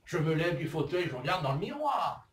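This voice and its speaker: A man in his sixties preaching a lively sermon, acting out little scenes and asking "hein?" often. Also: fairly high pitch, a little fast. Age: 60s. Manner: animated, acts out little scenes in put-on voices, asks "hein?" often. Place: church hall. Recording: echoey hall, voice from far off.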